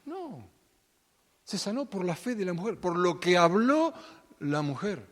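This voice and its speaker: Pastor preaching in a reverberant hall. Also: male voice, high voice, big pitch swings, a little slow. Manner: dramatic, acts out Bible voices, swings loud and soft. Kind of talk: sermon.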